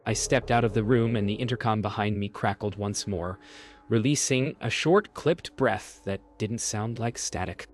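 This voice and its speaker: A man with a fairly low voice narrates a scripted first-person horror story, choosing his phrasing in a measured, deliberate way.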